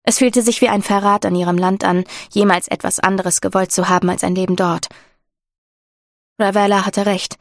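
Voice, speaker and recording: A woman giving steady, scripted narration of a fantasy audiobook. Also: medium pitch, moderate pace, dry recording, clean studio sound.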